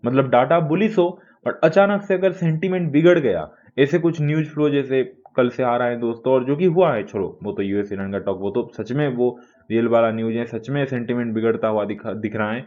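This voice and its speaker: A man's voice: medium pitch, brisk, a little mellow, dull audio. A man giving a casual talk that analyses the stock market, chatty and repeatedly addressing his viewers as friends.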